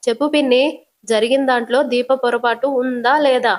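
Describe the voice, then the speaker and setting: A stern, commanding middle-aged father, as a woman narrator puts him on, voiced a touch higher than her usual pitch. He presses his questions forcefully and refuses to back down, told as a spoken storybook retelling. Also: steady tone, moderate pace, lightly acted.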